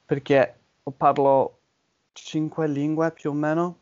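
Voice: mid-range voice, little pitch movement, slow pace, a little mellow, dull audio. A native English speaker from southern England with an English accent, chatting casually and searching for words in a second language. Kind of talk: casual chat about languages.

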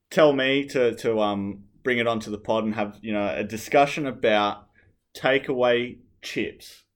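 A man, co-hosting a podcast in casual, rambling chat full of fillers. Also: on the low side. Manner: rambling, filler-heavy, opinionated. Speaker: podcast co-host.

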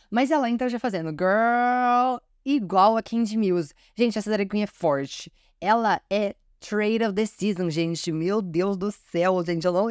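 A woman's voice: medium pitch, dry recording, clean studio sound. A woman from Brazil hosting a podcast, chatting enthusiastically and often calling out to her listeners. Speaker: podcast host. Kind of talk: casual podcast commentary.

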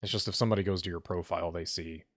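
A man's voice: low voice, steady tone, very fast. A man co-hosting a casual gaming stream show, laid-back in his replies. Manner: mock radio-announcer intro, laid-back replies. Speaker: co-host. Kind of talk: casual gaming podcast chat.

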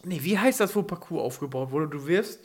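A man's voice: fairly high pitch, expressive, fairly quick. A young man in casual chat with friends, who often laughs through his stories.

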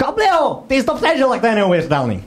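A man voicing an excitable, chatty young male goblin who gushes and laughs easily. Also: very high-pitched, soft background music, pitched above the performer's own voice, full character voice. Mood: excited. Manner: giddy, gushing, quick to laugh.

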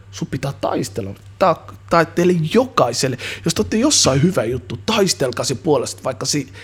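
A man in his thirties, a musician and youth football coach, talking in a casual interview in an energetic, slangy, rambling way full of restarts. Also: medium pitch, slightly rough.

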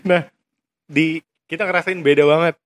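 A man's voice: on the high side, normal speed. Yeah, young guy, laughing a lot while he tells stories, just chatting. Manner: animated storyteller, laughs a lot. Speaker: podcast co-host. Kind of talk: casual chat.

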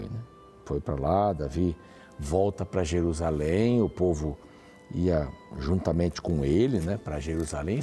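Man, Bible study teacher, warm mellow voice, lively delivery. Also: deep voice. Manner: animated, reads verses aloud and comments.

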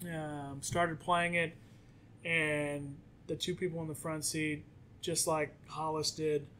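A man's voice: fairly high pitch, level tone, takes it slowly, a bit bright, a little hiss or hum. A man casually recapping a movie plot in a podcast chat, acting out the characters' lines as he goes. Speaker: podcast co-host.

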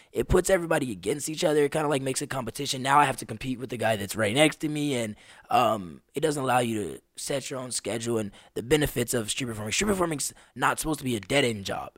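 A man in his twenties, a guest on a podcast, telling stories in an animated, slangy way. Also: medium pitch, no echo, clean studio sound. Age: 20s. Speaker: podcast guest, street performer. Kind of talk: casual conversation.

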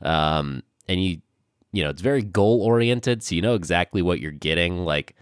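A young man co-hosting a casual podcast, nasal and congested from a cold, hesitant with many pauses and ums. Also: low-pitched, animated, clear, resonant tone, dry recording, studio quality. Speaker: podcast co-host.

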